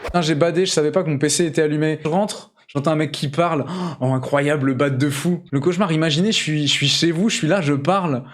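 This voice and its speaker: A young man hosting a charity livestream from his home, chatting playfully and teasing while he draws, sometimes bursting into high shouts. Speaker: charity stream host. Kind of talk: casual livestream chat while drawing. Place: home room.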